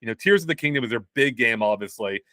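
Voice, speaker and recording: This show guest's voice is medium-pitched, pushed, and bright, with lively intonation and a clean, dry studio sound. Chatting casually about video games, he rapidly explains his points and pins down release history to the exact date.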